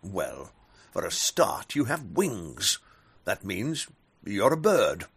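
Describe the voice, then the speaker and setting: A man voicing a gruff, proud male lion who is king of the animals and mocks others. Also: sits low, very animated, slow, fairly bright tone, pitched below the performer's own voice, heavily acted.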